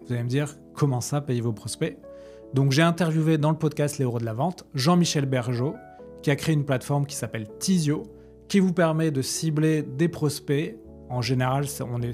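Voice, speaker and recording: A man's voice: mid-range voice, darkish tone. Man explaining, with faint background music. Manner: conversational, with frequent hesitations. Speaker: sales podcast host. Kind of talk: informal educational talk.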